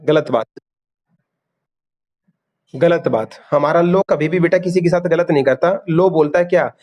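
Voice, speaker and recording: High-voiced male teacher quizzing students. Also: darkish tone. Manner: calls students "beta", quizzes them for quick answers; repeats key terms and numbers for drilling. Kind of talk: online class lecture.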